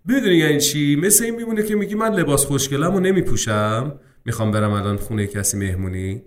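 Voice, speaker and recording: A man teaching English speaking-exam preparation in a casual lesson. He talks to viewers as friends, and his speech is full of English terms. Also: fairly high pitch. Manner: lively, addresses viewers as friends, mixes English terms into Persian.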